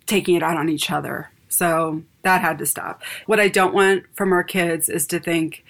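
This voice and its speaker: A woman's voice: on the low side, moderate pace, creaky. A mother speaking frankly in an interview about her family life. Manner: frank, animated, acts out family arguments. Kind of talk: candid personal storytelling.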